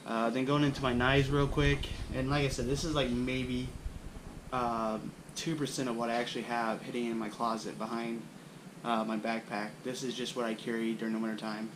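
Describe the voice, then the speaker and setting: Against a noisy background, a young bushcraft channel host casually displays his camping gear indoors on a wooden floor in a small room, recorded with the camera mic. He speaks at a moderate pace in a mid-range voice, relaxed and rambling with frequent fillers.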